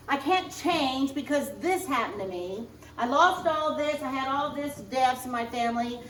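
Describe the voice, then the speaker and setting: A woman minister preaching a sermon, speaking in slow, emphatic spiritual affirmations, recorded in a church sanctuary. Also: sits high, slight background noise. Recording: roomy distant church recording.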